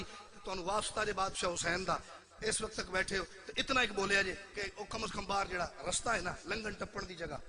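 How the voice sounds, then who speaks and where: A man with a Punjabi accent leading a religious mourning gathering, swinging between soft asides and loud shouted verse. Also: high-pitched. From Pakistan. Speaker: zakir reciting at a mourning gathering. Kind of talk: religious poetry recitation and address.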